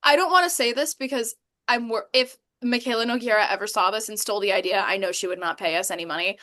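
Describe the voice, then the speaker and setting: A woman's voice: medium pitch, fast talker, pushed and bright. A young woman co-hosting a podcast, ranting indignantly in casual chat and laughing between points. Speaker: podcast co-host.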